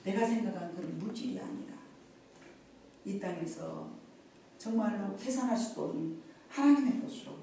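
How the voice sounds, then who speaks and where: A woman's voice: medium pitch, normal speed, gravelly, pauses often, warm tone. Middle-aged woman preaching in an echoey church. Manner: emphatic, folksy storytelling with congregation call-and-response. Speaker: pastor. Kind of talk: live Sunday sermon. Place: church sanctuary during worship. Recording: very echoey church hall, distant mic, faint noise.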